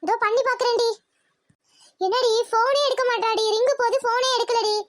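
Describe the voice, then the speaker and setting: A woman's voice: very high voice, steady tone, a little fast, dry recording. A woman voicing a suspicious, scolding village mother. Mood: worried. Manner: scolding, suspicious, rural Tamil speech. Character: anxious strict village mother, middle-aged woman. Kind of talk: cartoon voice acting.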